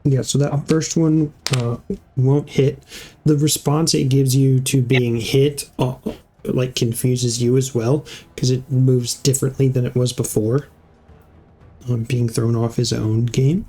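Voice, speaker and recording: A man narrating combat as game master of a tabletop game, halting with many fillers and restarts. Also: mid-range voice, level tone, mellow.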